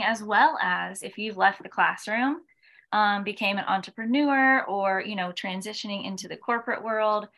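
A woman's voice: mid-range voice, vocal fry, sharp tone. Upbeat woman hosting a podcast. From American Midwest. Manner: upbeat, encouraging, with fillers. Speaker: podcast host. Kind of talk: casual podcast chat.

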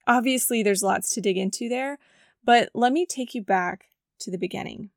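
On her devotional podcast, a woman reads her personal story from a script in an earnest, reflective tone. Her voice is scratchy and gravelly, middle-pitched, at normal speed, and the close mic keeps it dry with no room echo.

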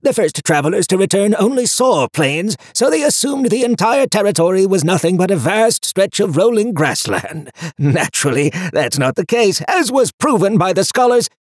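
A man's voice: high voice, big pitch swings, moderate pace, no room sound, studio quality, voice pushed up. A man voicing a fussy, pedantic talking book that lectures nonstop. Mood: lecturing. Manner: lecturing, know-it-all. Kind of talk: audiobook character voice.

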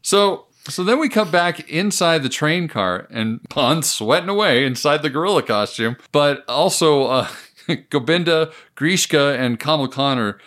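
A man's voice: on the high side, a little slow. A man co-hosting a podcast, casually recapping a movie's plot scene by scene with a laughing, storytelling manner. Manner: animated storytelling, recounting plot with frequent laughs. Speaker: podcast co-host. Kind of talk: casual movie review chat.

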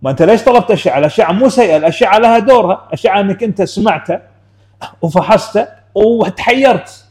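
A man's voice: high-pitched, expressive, quick pace, a little mellow. A man, a clinician explaining things in casual discussion and often checking in with his listener. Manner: explaining, frequent "you know how?" asides. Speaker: clinician guest.

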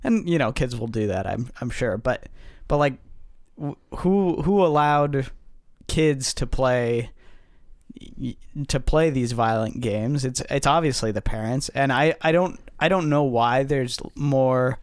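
A young man co-hosting a podcast, speaking casually in halting bursts, repeating words and using fillers. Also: medium pitch, no room sound, studio quality. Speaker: podcast co-host. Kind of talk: casual discussion.

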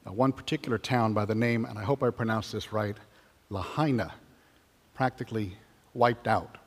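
A man serving as priest, reading the gospel and preaching in a measured, earnest way, with his voice ringing in a large church. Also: lowish voice. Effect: cathedral echo. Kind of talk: gospel reading and homily at Mass. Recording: long cathedral reverb.

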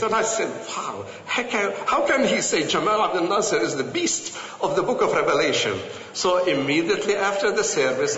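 Brief: man from Jerusalem, earnest, lively storyteller, echoey lo-fi hall recording. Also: sits high, a little hiss or hum. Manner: earnest, lively, with frequent fillers and quoted dialogue. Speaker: speaker recounting personal experiences. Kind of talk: personal storytelling talk. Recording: echoey hall, dull lo-fi sound.

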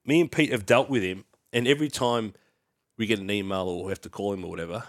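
A man's voice: fairly low pitch, fast talker, no room sound, studio quality. A man co-hosting a podcast in casual chat, laid-back and chiming in with short agreements and jokes. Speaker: podcast co-host.

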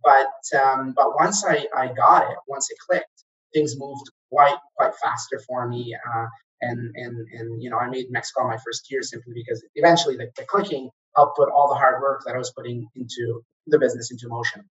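At a normal pace, an Egyptian man who grew up in Kuwait recounts his early career as a former franchise operator being interviewed conversationally. His mid-range voice is steady and a bit bright, though his speech stumbles with frequent fillers and restarts. The audio is distant and dull, with a lo-fi feel.

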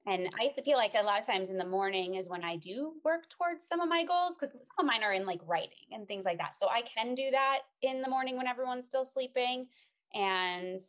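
A woman's voice: a little high, expressive, fairly quick. Upbeat woman podcast host. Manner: upbeat, enthusiastic, affirming. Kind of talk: casual interview chat.

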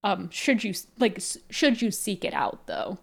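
A woman co-hosting a podcast, calmly explaining her view in casual chat with frequent fillers. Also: medium pitch, moderate pace, vocal fry, slightly rough. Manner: thoughtful, explaining with many "like"s. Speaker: podcast co-host.

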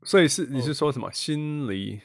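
Male podcast host, with English phrases mixed in, casual, creaky, dry recording. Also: mid-range voice, lively intonation, normal speed, no echo. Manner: mixes English phrases into Mandarin.

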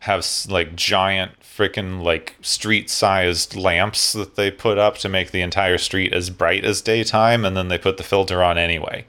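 A man's voice: low-pitched, steady tone, a little slow, few pauses, sharp tone. A man co-hosting a podcast, casually recapping an episode's plot with dry, snarky remarks.

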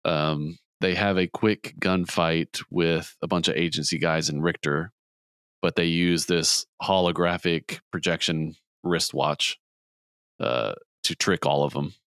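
A man hosting a podcast, casually retelling a movie plot with quick voiced quotes. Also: sits low, steady tone, a bit bright, clear, resonant tone, no room sound, clean studio sound. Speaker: podcast host. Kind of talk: casual movie recap chat.

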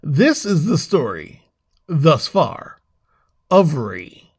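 A man hosting an interview show, first narrating an intro, then asking questions in a lively way with frequent restarts. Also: fairly high pitch, extremely slow, husky. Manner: lively, repeats words and restarts often as he asks questions. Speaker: show host.

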